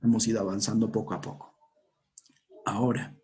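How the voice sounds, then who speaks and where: A man teaching a language lesson, saying each sound and word slowly and repeating it for learners to copy. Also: lowish voice, flat delivery, a little mellow. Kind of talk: slow pronunciation lesson.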